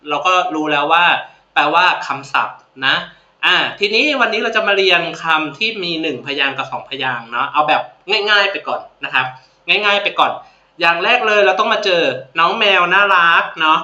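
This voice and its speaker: A man with a Thai accent teaching a Japanese lesson to students, friendly and repeating each word slowly for them to copy. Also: sits high, bright, forceful tone. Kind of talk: casual classroom-style video lesson. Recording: echoey room, dull lo-fi sound.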